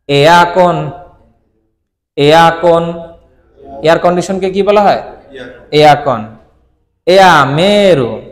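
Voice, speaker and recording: A man teaching vocabulary in a classroom-style drill, repeating each word slowly and quizzing his listeners. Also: fairly high pitch. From Bangladesh. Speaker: Japanese language teacher. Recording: long reverb, echoey room.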